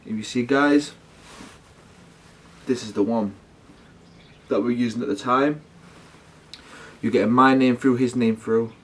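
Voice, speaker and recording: A man's voice: mid-range voice, steady tone, a little slow, pauses often, a little hiss or hum. A man talking casually to his viewers as a paranormal vlogger, rambling and slangy, often correcting himself. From United Kingdom.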